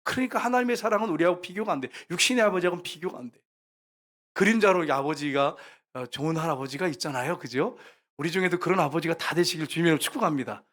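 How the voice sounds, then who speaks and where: Man preaching a sermon, slightly high voice. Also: quick pace. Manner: often addresses the congregation directly; swings between loud emphatic lines and hushed storytelling. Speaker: pastor.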